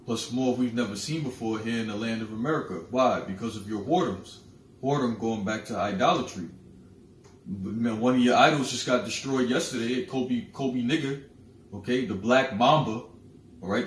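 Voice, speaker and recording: A man preaching fiery scripture commentary, declamatory and booming loudly when he reads verses. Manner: declamatory, rising loud when reading verses. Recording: roomy, distant mic with faint noise.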